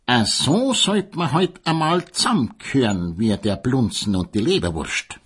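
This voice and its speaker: A flirting, moustached corporal in a kitchen scene of a storybook tale, as a man puts him on. He talks in folksy dialect, raspy and husky, his pitch swinging widely. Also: expressive, measured pace, a bit bright.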